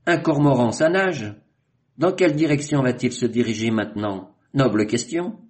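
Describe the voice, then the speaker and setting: A man voicing an excitable male sea captain in a high, loud, urgent voice for a read-aloud story. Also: moderate pace, close to an everyday voice. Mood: agitated. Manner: high, loud, questioning outbursts.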